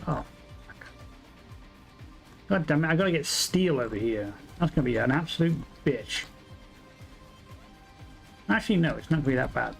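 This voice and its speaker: A man with a gravelly, medium-pitched voice offers casual gameplay commentary on a factory-building game. He's a game streamer from Wales with an English accent who swears freely, mutters to himself, and often puts himself down.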